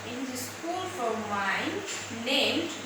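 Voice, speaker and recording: A woman's voice: high-pitched, lively intonation, takes it slowly. A woman teacher with a Bengali accent and Bengali as her native language, giving an English lesson, reading aloud and explaining word by word with questions and repeated key words. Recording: very echoey room, distant mic, loud noise.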